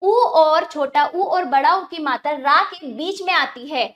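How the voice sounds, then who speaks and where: High-voiced woman teaching children. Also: a bit bright. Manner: slow, careful, repeats sounds for children. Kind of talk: children's grammar lesson.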